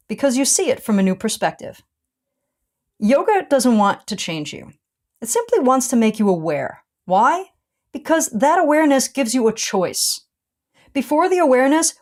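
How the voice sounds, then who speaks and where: A woman yoga teacher reading her own blog post aloud, with a punchy, sarcastic delivery and sudden lifts in pitch. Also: a little mellow.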